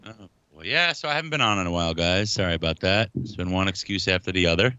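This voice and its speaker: Lively, bright-voiced male podcast host. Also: low-pitched, fast, clean tone, dry recording, dull audio. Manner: animated, jokey, mock-whiny. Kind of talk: casual banter.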